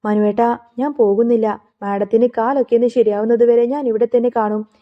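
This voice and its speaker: A woman voicing a gentle, humble young maid caring for her employer. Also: a little high, fairly even intonation, brisk, big-room sound, close to an everyday voice. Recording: phone-like narrow sound.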